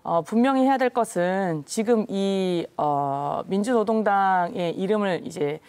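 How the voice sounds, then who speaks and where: Formal woman guest with pauses. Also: medium pitch, animated, a little mellow, clean tone. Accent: Jeju. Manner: measured, formal, many filler pauses. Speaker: party election committee co-chair, guest. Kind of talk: current-affairs interview answers.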